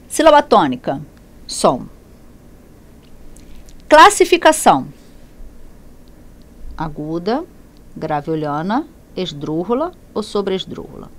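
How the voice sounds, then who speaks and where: Lively woman teacher asking and answering herself. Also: medium pitch. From Brazil. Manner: lively, repeats and self-corrects, asks and answers her own questions. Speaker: Spanish teacher. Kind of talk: classroom lesson explaining grammar.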